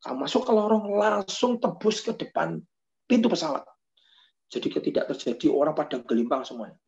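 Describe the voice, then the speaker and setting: Pastor guy preaching, kinda high voice, acts out the people in his stories, dull lo-fi sound. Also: brisk, vocal fry. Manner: animated storytelling, acts out quoted voices. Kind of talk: sermon.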